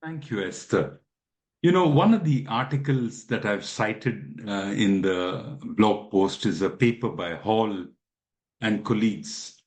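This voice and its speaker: A man from India, an expert guest answering interview questions in a measured, explanatory way with frequent fillers. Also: lowish voice, lively intonation, a little mellow.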